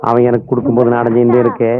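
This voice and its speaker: An actor playing a gullible, animated man in a Tamil film comedy. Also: medium pitch, rapid-fire, natural voice. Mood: mock-solemn. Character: gullible, animated comic man borrowing money. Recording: dull lo-fi film audio, music behind.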